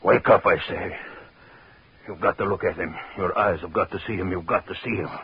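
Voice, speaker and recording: An actor playing a vengeful, obsessive husband in a 1940s radio horror drama, brooding and gloating with menace. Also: male voice, low voice, a little fast, close to an everyday voice. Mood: agitated, commanding. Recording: muffled, noisy 1940s radio recording.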